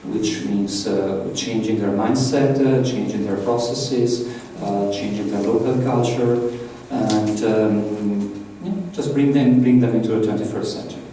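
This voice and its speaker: Leading a live workshop in a big, echoing conference room, a man from Italy speaks in a loose, conversational style and quizzes the audience, his Italian accent clear. He has a lowish, warm voice, steady and unhurried. The recording is distant and echoey with a faint hiss.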